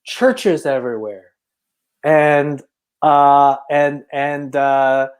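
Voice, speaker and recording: A native Chinese speaker from China, working as a filmmaker, describes his life on a casual podcast, speaking extremely slowly in a clean, higher-leaning voice. His manner is reflective and hesitant, with many restarts.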